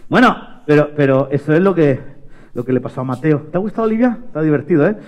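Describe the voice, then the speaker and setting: A young man working as a children's magician and storyteller coaxes and jokes playfully with a child volunteer during a live children's show. His fairly high voice is expressive, and he talks fast.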